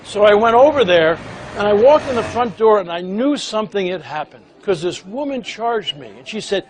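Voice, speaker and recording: A middle-aged man telling a lively anecdote in a lecture, acting out the people he quotes. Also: sits high, moderate pace, slight background noise, poor audio. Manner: animated, acts out quoted people. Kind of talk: storytelling lecture.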